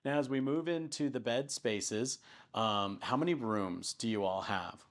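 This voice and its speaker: A man's voice: mid-range voice, unhurried. A man interviewing a business owner during a casual tour, often affirming with yeah and okay.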